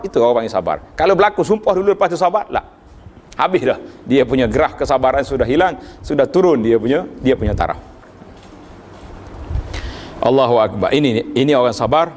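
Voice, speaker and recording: A man giving a religious lecture, reciting Arabic verses and rising sharply in pitch for emphasis. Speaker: preacher.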